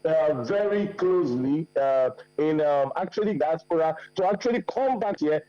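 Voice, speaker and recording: Male guest, higher voice, emphatic, muffled dull recording. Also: expressive, moderate pace, no echo. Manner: emphatic, repeats key points, many fillers. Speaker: forum organizer guest. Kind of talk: TV news interview answers.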